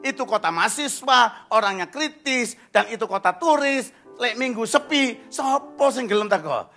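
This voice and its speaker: A male pastor, preaching an energetic, humorous sermon sprinkled with slang. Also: extremely high pitch, normal speed, soft background music.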